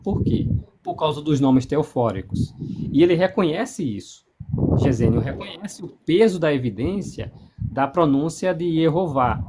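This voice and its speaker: Man explaining, noisy recording. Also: fairly high pitch. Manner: repeats and restarts words, spells out sounds and letters. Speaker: explaining speaker on divine name. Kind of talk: casual explanatory discussion. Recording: noisy background hiss.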